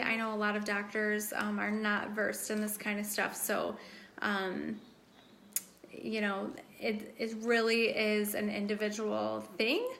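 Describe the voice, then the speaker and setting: A woman's voice: mid-range voice, creaky, a bit bright, a little hiss or hum. A woman hosting a casual live stream Q&A, chatty and enthusiastic with lots of fillers, her voice starting to give out. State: losing her voice. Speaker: live stream host promoting a wellness drink.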